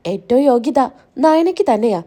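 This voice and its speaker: A woman's voice: high-pitched, big pitch swings, normal speed, warm tone. A woman voicing a firm matriarch who settles family business decisively. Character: firm older matriarch favoring one daughter-in-law.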